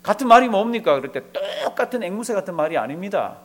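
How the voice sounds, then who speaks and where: Lively-pitched Korean pastor preaching. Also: male voice, fast talker. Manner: preaching with rhetorical questions to the congregation; acts out dialogue in a storytelling way. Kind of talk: sermon.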